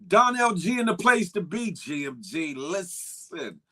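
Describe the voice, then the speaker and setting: A man hosting a casual live-stream talk show, animatedly shouting out viewers' names and chatting loosely with repeated catchphrases. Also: high-pitched, big pitch swings, unhurried.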